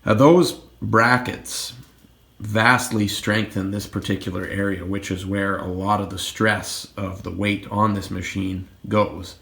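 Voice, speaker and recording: With a cold clogging his lowish voice, this man talks unhurriedly, with fairly even intonation, vocal fry, and a fairly bright tone. As a fitness channel host, he casually tours his home gym equipment, pointing things out and explaining them in plain terms.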